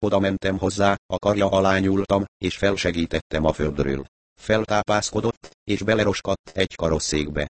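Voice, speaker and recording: A man narrating an audiobook in a measured, matter-of-fact way. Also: sits low, fairly even intonation, a little hiss or hum. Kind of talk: audiobook narration of a crime novel.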